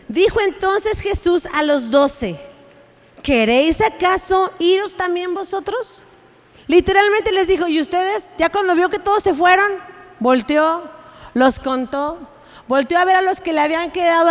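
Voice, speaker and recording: A woman preacher delivers a sermon in an animated, playful way, acting out scenes as she goes. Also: high-pitched, long reverb tail. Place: church sanctuary.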